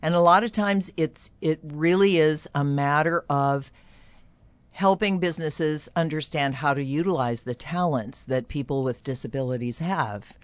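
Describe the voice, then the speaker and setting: On a radio interview, a deep-voiced woman speaks at a moderate pace with no room sound and a lo-fi quality. As a guest representing an employment program, she earnestly explains how it helps job seekers and businesses.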